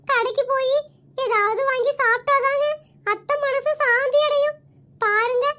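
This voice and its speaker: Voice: very high-pitched, bright, forceful tone. A voice actor playing a sly, greedy young wife in a cartoon, sweet-talking her husband.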